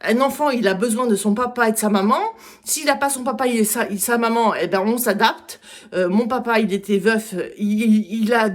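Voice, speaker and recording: A woman giving an opinionated campaign speech, halting with many hesitations and restarts. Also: a little high. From Italian heritage. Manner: blunt, opinionated rant. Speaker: political candidate.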